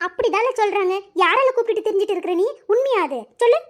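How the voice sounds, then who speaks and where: Brief: woman doing a very high, fast-talking scornful cartoon aunt, rapid-fire taunts. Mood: scolding. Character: quarrelsome middle-aged aunt, sharp-tongued and scornful. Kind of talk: animated cartoon voice acting.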